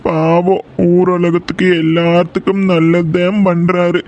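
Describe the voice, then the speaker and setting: Man voicing a raised-pitch grieving Kongu grandfather. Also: little pitch movement, measured pace, a little mellow, lo-fi sound. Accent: Kongu Tamil (Coimbatore). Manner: questioning, exclaiming to God. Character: elderly village grandfather, troubled and grieving. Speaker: cartoon character voice. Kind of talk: village cartoon drama acting.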